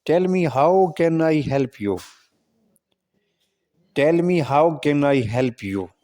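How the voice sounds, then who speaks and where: Very slow, deliberate male English tutor. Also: a little high, lively intonation, warm tone. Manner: reads each line twice, slow and deliberate. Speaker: English teacher. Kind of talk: reading practice dialogues for learners.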